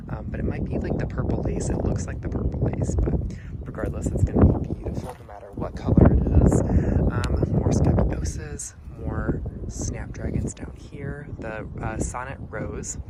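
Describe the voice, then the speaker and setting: A man giving a casual, enthusiastic tour of a client's garden, gushing over the plants with lots of ums. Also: medium pitch. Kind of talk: casual walkthrough vlog. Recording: loud wind and traffic noise outdoors.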